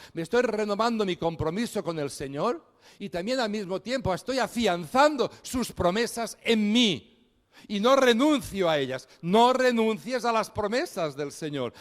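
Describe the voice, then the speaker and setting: A man preaching a sermon, building emphatic repeated phrases and slowing to stress key words. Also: sits high, in a large hall.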